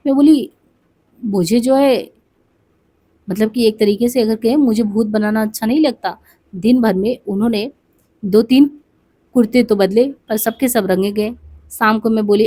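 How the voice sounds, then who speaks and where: Woman, somewhat high voice, expressive memoir reading, dialogue lines voiced, occasional asides. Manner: reads dialogue aloud with small asides and restarts. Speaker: literature teacher reading a memoir aloud.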